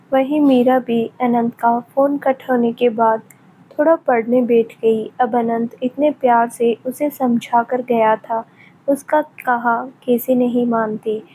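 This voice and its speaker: A woman narrating a romantic audio story in a slow, gentle reading style. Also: on the high side, slight background noise, poor audio.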